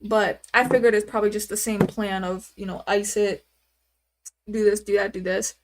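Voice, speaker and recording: A woman's voice: medium pitch, level tone, normal speed, background noise. A woman in her twenties chatting casually on a live stream, rambling and answering viewers' questions with lots of fillers. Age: 20s. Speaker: livestreamer.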